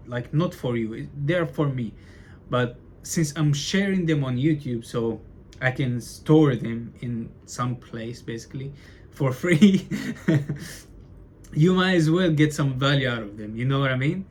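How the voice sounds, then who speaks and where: A man's voice: mid-range voice, darkish tone, slightly rough. Chatty young man vlogging casually. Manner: loose and chatty, says bro and like a lot, stutters. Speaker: vlogger documenting his business. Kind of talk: casual talking-to-camera vlog.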